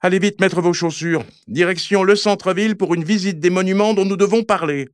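A prim, bossy schoolgirl giving firm orders to her classmates, as a man puts her on in a storybook reading. Her voice sits well above the reader's own and comes out loud and emphatic, recorded close and dry. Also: high-pitched, fairly quick, clean tone, no echo, pitched above the performer's own voice, lightly acted. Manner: bossy, lecturing.

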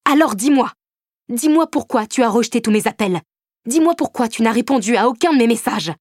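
A woman's voice: fairly high pitch, animated, fairly quick, no echo, pitched above the performer's own voice. A woman narrator gives voice to a betrayed young man in a storybook, beside himself with rage. He hurls questions and accusations at full volume, his voice climbing sharply. The sound is dry and close. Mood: furious demanding. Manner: shouting, accusing. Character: furious jealous young man, lover betrayed.

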